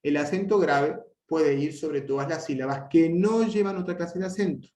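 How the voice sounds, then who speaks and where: A man teaching a language lesson, explaining at length with frequent restarts and fillers, and drawing out his example words slowly. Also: a little high, darkish tone. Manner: hesitant, many restarts and fillers. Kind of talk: explanatory lecture. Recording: echoey room.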